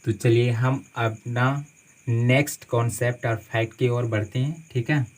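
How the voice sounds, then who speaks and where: Slow, repetitive male English teacher. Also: mid-range voice, fairly even intonation, rough recording. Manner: slow, repeats key phrases and spells words letter by letter; says "theek hai" after nearly every point. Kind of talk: classroom-style lesson at a board.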